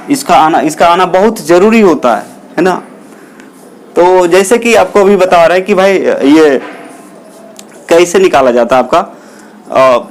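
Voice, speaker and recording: A man teaching a chemistry class, who asks the class questions, answers them himself and repeats the key terms. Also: high voice. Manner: calls listeners children. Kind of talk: classroom lecture.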